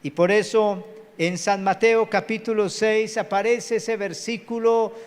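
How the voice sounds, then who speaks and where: In a reverberant large church hall, a pastor from Colombia delivers a live sermon with a preachy manner, urging the congregation to call out amen. His voice sits high, with a steady, clean tone and a slightly slow pace.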